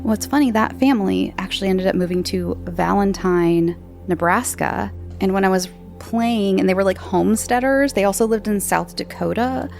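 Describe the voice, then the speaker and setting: A woman hosts a podcast, answering listener questions in a casual, meandering chat full of fillers and restarts. Her medium-pitched voice is creaky and a little mellow at a moderate pace, with soft background music.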